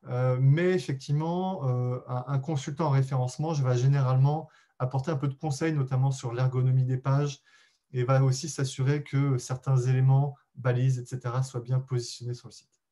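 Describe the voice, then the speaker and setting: Man, webinar presenter, warm mellow tone, patient hesitant explaining, speaks directly to listeners. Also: mid-range voice, fairly even intonation, a little fast. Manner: addresses listeners directly and politely.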